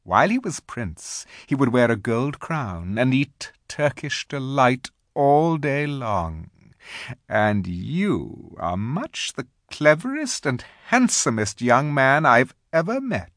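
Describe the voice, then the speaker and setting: A reader voicing an imperious, scheming witch queen from a children's storybook, sweet-talking in grand, drawn-out phrases. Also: medium pitch, sing-song, fairly bright tone, no room sound, clean studio sound, voice pushed up, heavily acted. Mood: sweetly coaxing.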